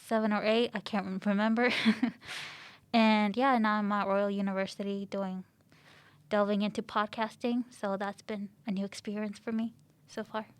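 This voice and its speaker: A young journalism student from Chile, chatting casually with light laughs and "like" fillers. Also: female voice, medium pitch, level tone, moderate pace, clear, resonant tone, no echo. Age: young adult. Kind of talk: casual interview answers.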